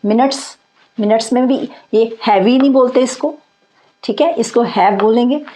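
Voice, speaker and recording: A woman with a warm, fairly high voice explains English grammar in Hindi at a normal speed. She patiently reads example sentences aloud, repeats her points, and checks in with learners by asking "theek hai."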